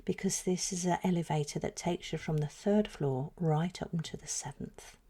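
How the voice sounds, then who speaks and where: With a fairly low pitch, a woman talks listeners through a guided meditation, her soft, breathy voice frequently sinking toward a whisper. She paces her words slowly and gently, pausing deliberately.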